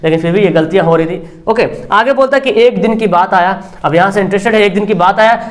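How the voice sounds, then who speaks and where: Guy teacher with a high voice, walks the class through a story, acts out the lines, keeps saying theek hai na. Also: fast talker. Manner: animated storytelling, acting out quoted lines; repeats filler tag "theek hai na". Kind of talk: lecture explaining a story.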